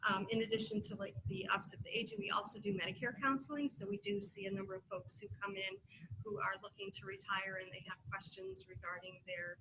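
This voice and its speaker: A woman with a bright, forceful voice giving a panel presentation for a community center. She talks in a halting way, often stopping on fillers and restarting her sentences, with a faint hum behind her. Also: mid-range voice, fairly even intonation, poor audio.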